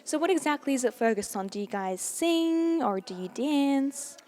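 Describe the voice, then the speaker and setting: A woman asks interview questions in a gentle, encouraging manner. Her voice sits a little higher than most. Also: lively intonation, normal speed.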